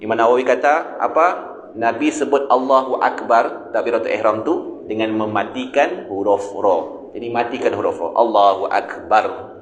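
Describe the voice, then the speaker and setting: A man's voice: fairly low pitch, muffled recording, a little hiss or hum. A man with a Malaysian Malay accent giving a mosque lecture on a religious text. He asks his listeners questions and answers them himself. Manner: demonstrates sung and drawn-out recitations. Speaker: religious teacher. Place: mosque hall. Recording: echoey room, faint ambience.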